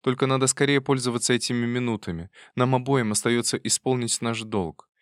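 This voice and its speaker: A man voicing a quiet, dutiful young woman with a soft, earnest, restrained manner. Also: mid-range voice, fairly even intonation, brisk, no echo, clean studio sound, pitched above the performer's own voice, natural voice.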